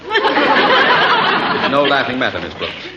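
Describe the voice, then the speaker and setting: A man's voice: fairly high pitch, huge pitch swings, slow, a loud crowd, full character voice. A man playing a pompous, wordy, commanding middle-aged school principal in an old radio sitcom. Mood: mournful appeal. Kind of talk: 1940s-50s radio sitcom acting. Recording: dull, very noisy old radio recording. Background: studio audience noise.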